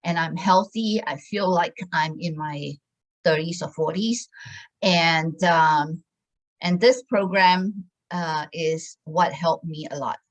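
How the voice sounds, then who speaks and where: A woman's voice: sits low, slow pace, poor audio. A woman in her sixties giving a casual sales talk about a wellness program, hesitant and full of fillers and restarts. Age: 60s. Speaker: wellness product presenter.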